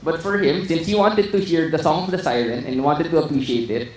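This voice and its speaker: A man's voice: a little high, brisk. A man giving a conference talk, hesitant and full of fillers and restarts. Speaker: conference speaker. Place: conference hall. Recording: echoey hall with faint noise.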